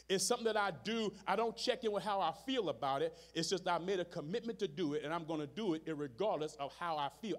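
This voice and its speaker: A man preaching to his congregation, his voice sitting high for a man and swinging widely up and down. He talks plainly to the room, calls out to the people in front of him, and drives his points home by repeating phrases in a steady rhythm. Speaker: pastor. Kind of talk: sermon. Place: church sanctuary, live service.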